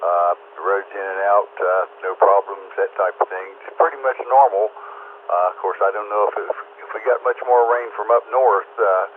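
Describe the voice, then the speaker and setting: A man's voice: lowish voice, moderate pace. An American man chatting casually in a folksy way as he checks in over a two-way radio with static. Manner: folksy, neighbourly phrasing. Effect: two-way radio transmission with static. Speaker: amateur radio operator checking in. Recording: narrow-band ham radio with static noise.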